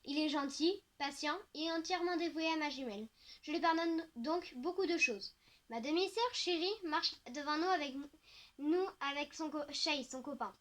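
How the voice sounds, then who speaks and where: Woman audiobook narrator; high-pitched, reflective first-person teen novel reading. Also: moderate pace, fairly bright tone.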